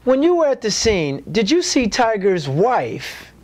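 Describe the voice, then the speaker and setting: An actor doing a stiff, formal TV interviewer with a high voice, pressing his questions again and again. He keeps restarting mid-question in this comedy sketch interview. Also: wildly swooping pitch, a little slow, crowd noise, exaggerated voice. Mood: earnest. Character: stiff, persistent male TV interviewer.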